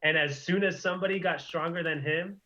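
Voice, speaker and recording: A man's voice: fairly high pitch, brisk, sharp tone, muffled recording. A young man co-hosting a casual chat, animatedly retelling and reacting as a fan. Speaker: co-host.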